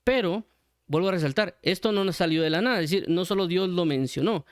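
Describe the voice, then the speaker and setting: A man's voice: high voice, a little fast, no room sound, studio quality. A man from Guatemala with a Guatemalan Spanish accent, teaching a sermon in an explanatory way, repeating points and restarting phrases. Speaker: Bible teacher.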